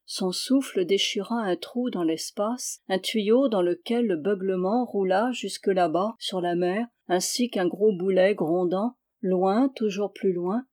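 A woman reads a classic novel aloud in a calm, measured way. Her voice is warm and mellow, with expressive but unhurried phrasing. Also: medium pitch. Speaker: audiobook reader. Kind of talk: literary audiobook narration.

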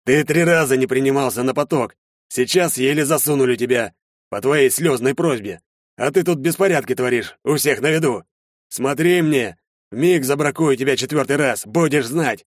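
A man voicing a gruff older army major in an audiobook, commanding and scolding in a loud, barking way. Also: mid-range voice, normal speed, no room sound, clean studio sound, pitched above the performer's own voice, lightly acted. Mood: stern scolding. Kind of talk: audiobook character voice.

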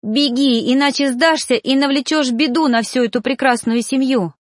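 A woman's voice: high-pitched, moderate pace, no room sound, voice pushed up, close to an everyday voice. A woman voicing a desperate young apprentice reaper, pleading and close to tears.

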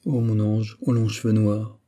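A man's voice: lowish voice, completely flat delivery, a little slow, dark tone, close to an everyday voice. A man voicing a dashing young naval captain who pleads fervently with his beloved, in a storybook reading. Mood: pleading.

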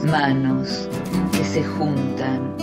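A woman reciting a radio segment intro in a slow, measured, declamatory way. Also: a bass voice, flat delivery, loud music behind the voice.

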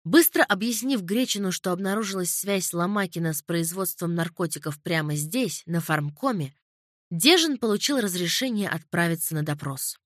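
A woman reading a crime novel in a calm, measured narration. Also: on the low side, dry recording, clean studio sound. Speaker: audiobook narrator. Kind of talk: scripted narration.

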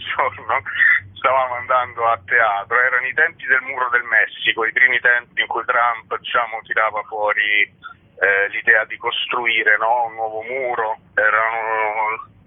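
A playwright and director talks at length about his show during a radio interview by phone, constantly hedging with "diciamo." His voice is mid-range and chatty, carried over a tinny, dry phone line.

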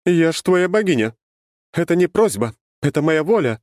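A man's voice: on the high side, sing-song, normal speed, a little mellow, dry recording, studio quality, pitched above the performer's own voice. A man reading an audiobook, voicing a sly, brash female goddess with a cheeky, mocking manner. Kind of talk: audiobook character voice.

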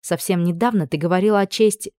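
A weary young noblewoman who speaks in stern, tired commands, read by a woman narrator. Her voice is fairly low and the sound is dry and close, as in a storybook reading. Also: fast talker, dark tone, no echo, close to an everyday voice. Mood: reproachful.

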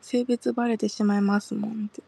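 A woman's voice: mid-range voice, little pitch movement, fairly quick, vocal fry, dark tone, a little hiss or hum. A woman with a Kansai accent, teasing and coaxing in a casual group chat.

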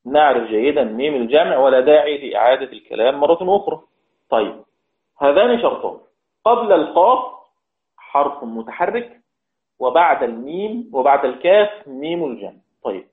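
A man teaches Quran recitation at a middle pitch. He lays out each rule step by step, repeats key words and stretches the recited examples out slowly. The sound is thin and phone-like, with a roomy echo. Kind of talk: religious lesson. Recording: tinny phone-like sound in an echoey room.

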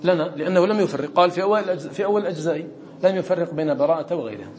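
A man's voice: a little high, animated, racing, a little mellow. A man teaching a Quran recitation class, asking his students questions and answering them himself. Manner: quotes lines of verse in a raised voice. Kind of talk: classroom lesson explaining a verse text. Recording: faint background noise.

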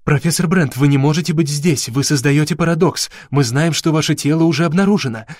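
A young woman scientist in a storybook, anxious and hurried, read by a man who lifts his voice slightly. The recording is dry and close. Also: medium pitch, flat delivery, mellow, dry recording, natural voice. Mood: pleading.

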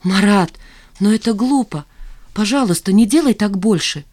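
A woman's voice: medium pitch, expressive, moderate pace, a little mellow, voice pushed up, natural voice. A woman reading an audiobook voices an insistent young woman pleading with her neighbor. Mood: earnest, insistent.

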